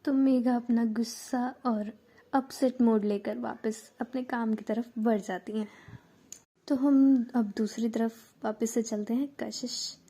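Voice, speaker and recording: Chatty woman storyteller with a warm voice. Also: a little high. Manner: chatty, expressive, self-correcting. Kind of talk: casual story narration.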